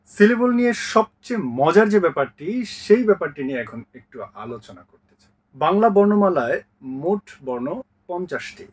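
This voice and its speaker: A man teaching a grammar lesson, counting out syllables one by one in a slow, clear way. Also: high voice, very animated, low-quality recording.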